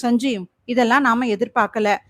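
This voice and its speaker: A woman voicing a loyal young man who calms his friend in an audiobook thriller, in a reassuring manner. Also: very high-pitched, normal speed, dry recording, studio quality. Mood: calming.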